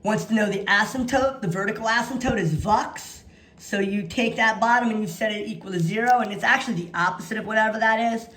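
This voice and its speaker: A woman's voice: medium pitch, fairly bright tone. A woman teaching math in an instructional walkthrough, dictating notation piece by piece and repeating key phrases for emphasis. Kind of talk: instructional walkthrough of practice problems. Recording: echoey room sound.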